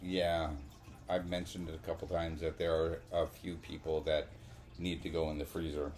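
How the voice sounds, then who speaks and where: A man co-hosting a casual podcast chat, rambling and halting, swearing now and then. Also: extremely low pitch, flat delivery, darkish tone. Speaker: podcast co-host.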